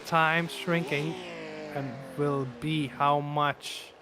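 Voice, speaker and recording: A man calling a sim race live, talking through his race-day hoarseness with lots of fillers and restarts. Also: fairly high pitch, very slow, music in the background. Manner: excitable, many fillers and restarts. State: voice wearing out. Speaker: race commentator. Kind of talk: live sim racing commentary. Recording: noisy stream with engine sounds. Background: race car engine noise.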